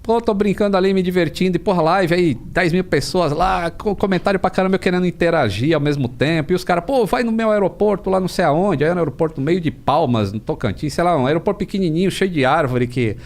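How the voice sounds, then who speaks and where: A Brazilian man as a podcast guest, telling stories in a casual, animated way, with plenty of slang and swearing. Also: on the high side, fast talker, few pauses. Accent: Brazilian Portuguese. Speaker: podcast guest, aviation creator. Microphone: studio podcast mic.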